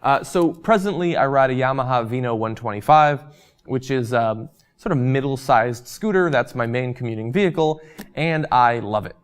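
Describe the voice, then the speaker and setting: A man's voice: mid-range voice, lively intonation, moderate pace, smooth. A young man hosting a show and chatting casually through viewer comments, losing his voice, with frequent ums and uhs. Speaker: host.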